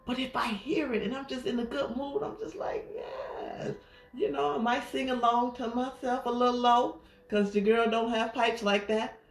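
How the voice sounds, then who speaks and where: A woman's voice: fairly high pitch, steady tone, normal speed. Woman life coach in a roomy echo. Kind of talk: affirmation talk.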